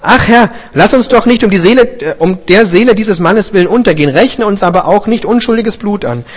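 A man's voice: sits high, animated, fairly quick, pitched above the performer's own voice. Frightened sailors caught in a storm , spoken by a male reader, raised and pleading. Their questions tumble out with fear in a storybook scripture telling. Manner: pleading, fearful.

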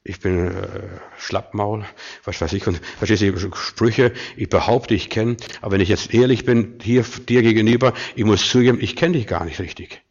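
A man preaching a sermon as a pastor, swinging between loud emphatic bursts and hushed, searching questions. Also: fairly low pitch, brisk, hardly any pauses. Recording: dull muffled recording.

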